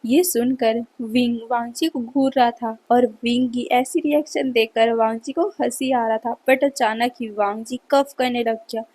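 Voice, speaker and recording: A woman's voice: fairly high pitch, steady tone, moderate pace, few pauses, darkish tone, low-quality recording. A woman narrating a fan fiction story in a casual storytelling way. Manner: plain storytelling, casual mixed English words.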